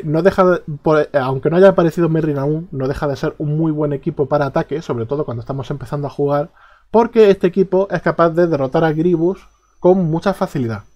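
A man with a Spain Spanish accent giving a casual explanatory guide to game teams, relaxed and hesitant, with frequent filler sounds. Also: a little high. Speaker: mobile game guide creator.

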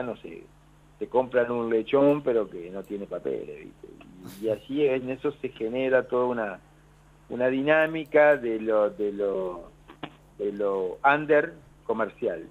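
A husky, fairly low-voiced Argentine man, a union leader, rings in to a radio show and talks in Argentine Spanish. His answers ramble with many restarts, heard over a tinny telephone line.

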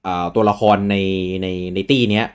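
ผู้ชายเสียงทุ้ม คุยเกมแบบสบายๆ. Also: male voice, lowish voice, moderate pace. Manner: relaxed, rambling with fillers and restarts. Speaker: host. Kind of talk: casual gaming chat.

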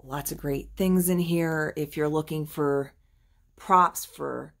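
A woman's voice: low voice, steady tone, takes it slowly, vocal fry. A woman giving a chatty phone-filmed tour of an antique shop, admiring the items as she goes. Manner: chatty, admiring, drifts softer and louder as she pans. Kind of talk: casual walkthrough narration. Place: indoors in a crowded antique shop.

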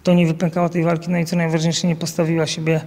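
This is a man in his thirties, a national team coach, standing by an event banner outdoors while an interviewer holds a handheld mic to him. He talks fast and monotone in a voice on the high side with a darkish tone, trailed by long reverb. He fills his answers with fillers and frequent restarts.

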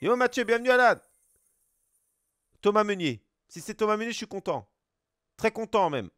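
A man's voice: sits high, sing-song, normal speed, fairly bright tone, clear, resonant tone. A Belgian man with a Belgian French accent, streaming live as he opens packs, greeting chat viewers and swearing casually.

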